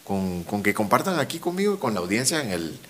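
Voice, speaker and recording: A Guatemalan man hosts a casual chat in a fairly low voice. He is relaxed, backs his guest up with quick agreement and drops local sayings into the talk. The room around him has an echo. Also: a little hiss or hum. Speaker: podcast host. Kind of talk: casual podcast conversation.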